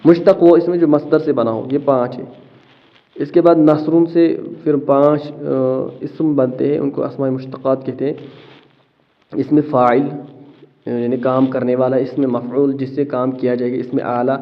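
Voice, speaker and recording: A man teaching a lesson, explaining step by step, asking questions and answering them himself, often pausing with fillers. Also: medium pitch, flat delivery, highs cut off. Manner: asks rhetorical questions then answers them; checks in with listeners, hesitant fillers. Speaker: Arabic grammar teacher.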